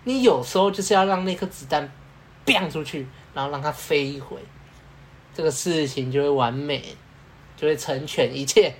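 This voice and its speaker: A man talks through workplace anecdotes in a relaxed, meandering podcast chat. He leans on fillers, acts out small exchanges as he goes, and a faint hiss sits under the recording. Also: on the high side, normal speed. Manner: rambling storytelling with fillers and laughs. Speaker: podcast co-host. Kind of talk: casual chat.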